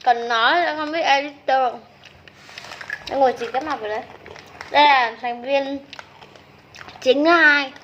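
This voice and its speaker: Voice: high voice, measured pace, long pauses, fairly bright tone. A youngster chatting casually as a member of a small video channel during a meal. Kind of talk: casual mukbang chat while eating. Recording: muffled lo-fi sound with background noise.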